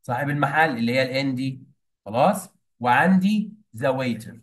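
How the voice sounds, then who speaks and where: A young Egyptian English teacher walks his students through a play scene, slipping English words into his Arabic and quizzing them with prompts. He speaks with an Egyptian Arabic accent in a medium-pitched, animated voice at a moderate pace. The recording is rough.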